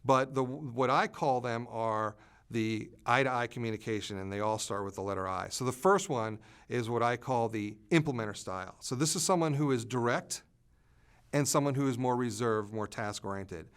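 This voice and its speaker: A man explaining communication styles as an expert in an interview, pausing often with "uh" fillers. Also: mid-range voice, fairly bright tone, clean tone.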